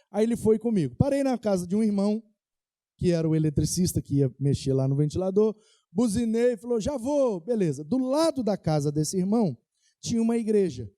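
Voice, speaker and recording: A man's voice: sits high, no echo. A young Brazilian man preaching as a pastor, telling playful anecdotes and acting out the dialogue. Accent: Brazilian Portuguese. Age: young adult. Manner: animated anecdotes, playful, acts out quoted dialogue. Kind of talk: storytelling sermon.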